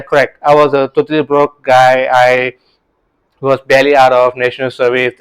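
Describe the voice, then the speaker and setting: In a rough recording, a man from Singapore with a smooth, medium-pitched voice gives a casual motivational talk to camera. A real estate coach, he shares his story in an earnest way, frequently restarting words and tacking on "right?".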